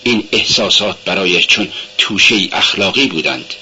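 Man, audiobook narrator, measured literary reading, very bright tone, dull lo-fi sound, faint hum. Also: low voice.

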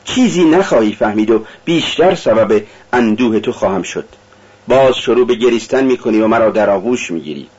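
Audiobook: brooding, feverish young man, read by a man, husky and intense. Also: medium pitch, expressive, darkish tone, lo-fi sound. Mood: bitter. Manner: intense, confessional. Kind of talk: audiobook reading.

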